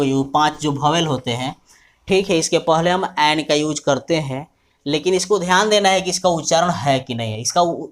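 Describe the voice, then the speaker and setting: In a classroom-style English grammar lesson, a fairly high-pitched man spells out words letter by letter at a writing board. He regularly pauses to make sure his students have understood.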